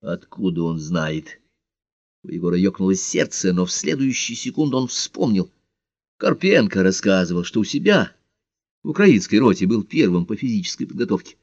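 A man narrating an audiobook in an expressive storytelling manner. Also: lowish voice, brisk, no room sound, muffled recording. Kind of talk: scripted narration.

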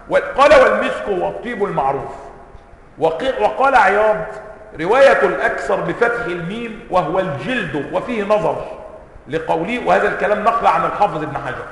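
A man's voice: high-pitched, gravelly, a bit bright. A man teaching a hadith commentary in Egyptian Arabic, reading out quotations with emphasis and asking his students questions to check they follow. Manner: reads quotations in a raised, emphatic voice. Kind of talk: classroom lecture reading and explaining a text. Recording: roomy hall reverb.

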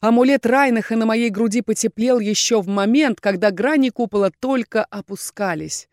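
A woman narrating a first-person fantasy audiobook in a measured, tense read. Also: fairly high pitch, darkish tone, no echo, studio quality. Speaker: audiobook reader.

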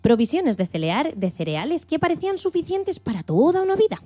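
A woman plays an excitable farm hen astronaut telling her own story in a children's radio play, with music underneath. Her high voice is brisk, playful and dramatic, animated and conspiratorial, with expressive emphasis. The recording is dry.

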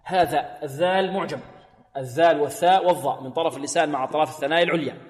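Guy teaching quran recitation, kinda high voice, repeats stuff for students, lots of reverb. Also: rapid-fire. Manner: patient, repeats sounds for students to copy. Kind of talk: tajweed lesson with chanted demonstrations. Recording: long reverb, religious radio broadcast.

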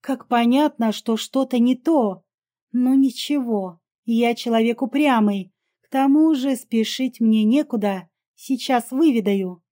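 A woman narrates a first-person audiobook with lively, expressive storytelling. Her voice is slightly high but mellow and warm. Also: a little slow.

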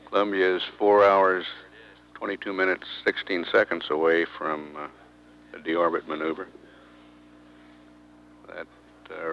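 A man with a very low, flat voice delivers space mission status commentary. He goes haltingly from figure to figure, on a dull, lo-fi feed. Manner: halting, pausing often between figures. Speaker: public affairs mission commentator. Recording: dull lo-fi archival feed, faint noise.

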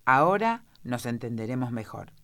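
A woman's voice: a bass voice, sing-song, moderate pace, no room sound, exaggerated voice. A woman reading as a musing young girl. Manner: quiet, musing to herself. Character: curious young girl in a storybook.

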